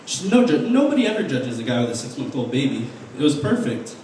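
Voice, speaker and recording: A young man performing an open mic stand-up set, deadpan and halting, with restarts and fillers. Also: medium pitch, slight background noise. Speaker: stand-up comedian. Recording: very echoey room heard from a distance.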